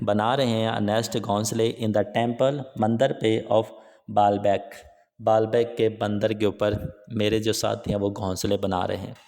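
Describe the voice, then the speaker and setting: A man's voice: fairly low pitch, vocal fry, a little mellow, big-room sound. A man teaching an English text line by line, reading each phrase and explaining it in Urdu. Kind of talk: line-by-line reading and translation lesson.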